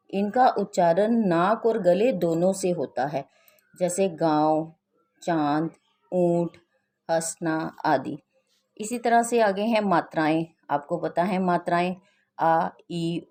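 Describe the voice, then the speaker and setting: Slow, mellow-voiced schoolteacher woman. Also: on the low side. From India. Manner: slow, deliberate, reads out example words one by one. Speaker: school teacher. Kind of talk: recorded grammar lesson for children.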